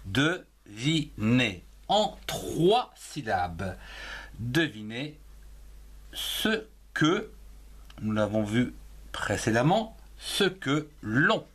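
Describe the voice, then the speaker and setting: Slow, lively husky male teacher. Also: a little high. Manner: slow, spells words letter by letter. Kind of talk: French grammar lesson.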